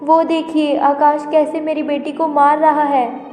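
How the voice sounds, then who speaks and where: Woman acting a high-pitched wicked stepmother, echoey. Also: level tone, measured pace, mellow. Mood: scheming, complaining. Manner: scolding, threatening wicked-stepmother manner. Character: wicked scheming stepmother, doting on her own daughter. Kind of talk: Hindi moral-story cartoon acting. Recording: echoey long reverb, music behind. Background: background music.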